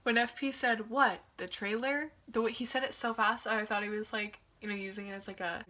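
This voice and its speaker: A woman's voice: medium pitch, steady tone, fast talker, bright, forceful tone. A young woman giving casual reaction commentary, chatty and wry, full of "like" fillers and amused asides. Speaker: video reactor.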